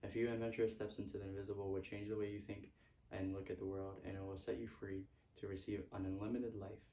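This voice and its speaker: A man's voice: fairly low pitch, little pitch movement, fast, dark tone, distant mic. A man giving a motivational self-help talk, repeating earnest affirmations. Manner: earnest, repetitive affirmations with stray laughs. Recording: echoey room, speaker off-mic.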